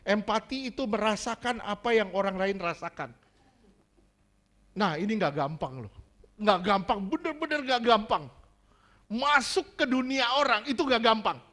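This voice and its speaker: A man preaching a sermon as pastor, joking and animated. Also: sits high, normal speed.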